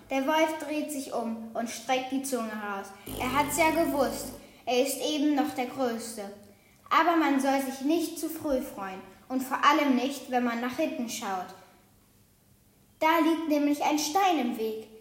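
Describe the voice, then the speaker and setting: A woman reading a children's picture book aloud with lively, expressive storytelling. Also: high-pitched, a little hiss or hum. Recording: roomy echo.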